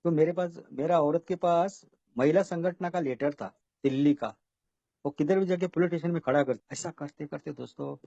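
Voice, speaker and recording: A man's voice: on the high side, mellow, dry recording, dull audio. Rambling man telling his recovery story. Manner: rambling storytelling, repeats "bola" and "doston". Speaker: AA member sharing his story. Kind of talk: personal recovery testimony.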